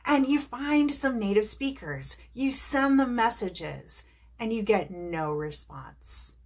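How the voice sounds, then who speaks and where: An English teacher from New Jersey in the United States talks to camera in a video lesson, chatty and encouraging, walking viewers through tips and asking rhetorical questions. Her voice sits on the high side, animated and slow.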